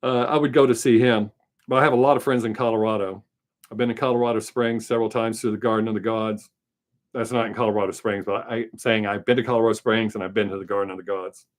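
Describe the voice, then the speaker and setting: A middle-aged American man with a Southern drawl hosts a casual livestream, answering chat questions in a rambling, frank, chatty way with some swearing. His voice is on the low side with fairly even intonation, and he talks fast.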